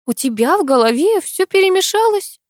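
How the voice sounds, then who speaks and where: A woman reading an audiobook, voicing a sweetly scheming young woman who speaks in a bright, coaxing, sugary way. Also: extremely high pitch, big pitch swings, a little fast, no echo, clean studio sound, voice pushed up.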